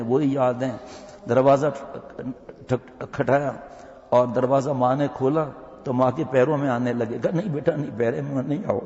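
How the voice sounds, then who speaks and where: A man's voice: mid-range voice, darkish tone. Male preacher, moral storytelling, voices the people in his tale, long hall reverb, slightly dull sound. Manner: tells a moral story, voicing each person in turn. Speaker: religious scholar giving a talk. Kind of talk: storytelling sermon.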